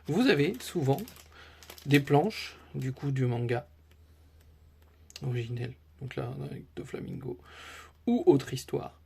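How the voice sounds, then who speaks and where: A man's voice: medium pitch, a little mellow, slight background noise. A man chatting casually to his viewers as a collector, enthusiastic and rambling, with many fillers and restarts. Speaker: card collector YouTuber. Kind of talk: casual chat to camera.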